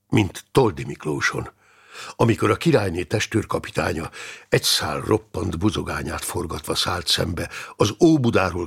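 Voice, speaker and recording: A man reading an audiobook in a dramatic, expressive narration style. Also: low voice, creaky, slightly rough.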